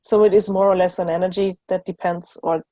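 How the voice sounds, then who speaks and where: German-born woman guest, calm and steady, warm low-key voice, dry close sound. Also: fairly quick, dry recording. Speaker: guest facilitator. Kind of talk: casual online talk.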